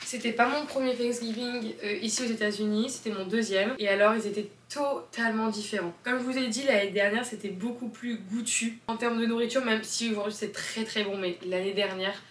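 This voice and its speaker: Speaking with a mid-range voice, this young French vlogger in her twenties talks casually to the camera from her kitchen, her French accent mixed with English words. Slight background noise is present, and music plays in the roomy home.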